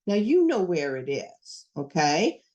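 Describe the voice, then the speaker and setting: A woman gives a professional development talk to teachers, explaining reading lessons step by step and acting out what to say to students in an instructive way. Her voice is on the low side and dark, sing-song, and slow.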